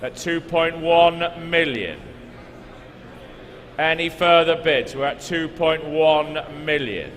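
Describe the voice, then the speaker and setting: A man's voice: fairly high pitch, slow pace, fairly bright tone. A man working as an auctioneer, calling bids at a live car auction, repeating figures insistently and coaxing bidders. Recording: echoey large hall, background noise.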